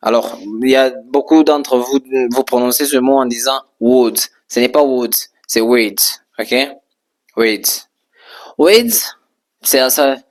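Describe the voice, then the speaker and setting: A man teaching English in French at a board, repeating and spelling out each word patiently, often pausing with hesitations. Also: medium pitch, little pitch movement. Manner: slow, patient, repeats words and spells them out; frequent hesitations with "euh". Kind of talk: French-language English lesson at a whiteboard.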